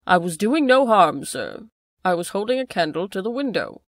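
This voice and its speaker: A woman plays an agitated male butler, pleading and evasive as he guards a secret. The voice sits a little lower than the narration and pushes louder when pressed. The sound is dry and close. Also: big pitch swings, normal speed, no echo. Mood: nervous. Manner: pleading, agitated, then stubbornly defiant.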